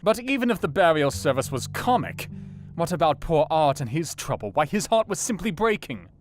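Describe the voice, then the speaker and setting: An actor playing a melancholy, earnest gentleman doctor, narrating his diary in a measured, formal way for an audio drama. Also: on the high side, very animated. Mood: puzzled, indignant. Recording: plucked guitar music behind the voice.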